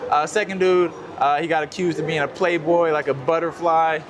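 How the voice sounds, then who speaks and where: Outdoors in a city, a male guest rambles through a casual story at a moderate pace, his voice slightly high. There's background noise, and he sounds relaxed, leaning heavily on fillers.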